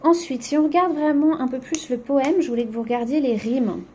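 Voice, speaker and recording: A woman's voice: high-pitched, a little fast, dark tone, slight background noise. A woman teacher going over a poetry exercise in a recorded lesson, explaining step by step with frequent "donc" and "hein".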